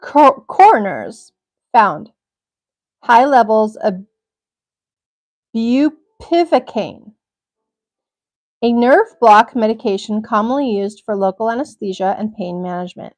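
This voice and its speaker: Young woman on a livestream reading a crime story out loud, voice a bit high, swears at the juicy bits. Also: animated, slow, pauses often. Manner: reads steadily, breaks off with blunt swearing reactions. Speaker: livestream host reading an article. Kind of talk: reading aloud with personal asides.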